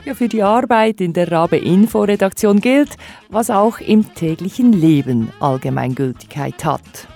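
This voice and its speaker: A woman narrating a radio feature in a measured, wry tone. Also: fairly low pitch, animated, vocal fry, mellow, faint music behind.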